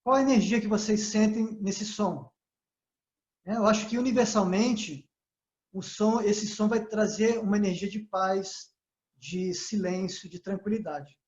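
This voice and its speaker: A man giving a calm spiritual lesson, often checking in with his listeners as he explains. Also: sits high, a little slow. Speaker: yoga teacher. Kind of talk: spiritual talk. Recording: echoey, slightly dull sound.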